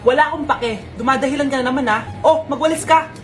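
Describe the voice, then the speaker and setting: A woman's voice: sits high, steady tone, normal speed, background noise, close to an everyday voice. A woman playing a bossy, impatient mother in a comedy skit, scolding sharply. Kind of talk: comedy skit role-play.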